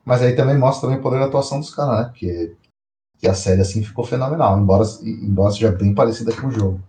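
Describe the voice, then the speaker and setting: A man co-hosting a podcast in casual chat, slangy and animated, often repeating himself. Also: on the low side, quick pace, roomy sound. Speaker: podcast co-host.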